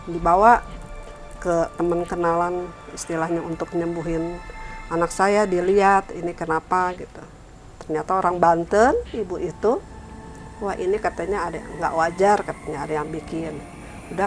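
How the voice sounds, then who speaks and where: A middle-aged woman recounting a family story in casual talk, raising her pitch when she quotes others and trailing off softly afterward. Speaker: guest telling her story.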